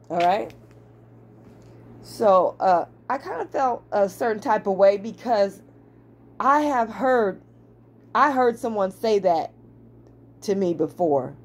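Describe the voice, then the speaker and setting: Chatty woman telling a story. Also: medium pitch. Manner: chatty, repeats and restarts words, animated storytelling. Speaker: vlogger. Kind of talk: casual storytelling to camera.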